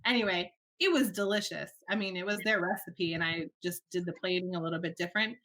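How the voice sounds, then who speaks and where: A woman in her thirties, a guest in a casual interview, born in Alabama and raised in Miami, chatty and quick to laugh while telling stories. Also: fairly low pitch, fairly bright tone. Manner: chatty, laughs often, storytelling.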